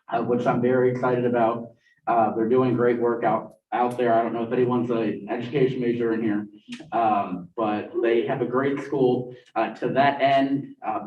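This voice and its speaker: A young man gives his report to a student meeting in a loose, joking way, with a lot of "uh" in his talk. His voice carries from far off in an echoing room. The sound is dull. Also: medium pitch. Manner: casual, joking, many "uh" fillers. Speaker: student government officer for academic affairs. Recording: muffled, echoey room, distant mic.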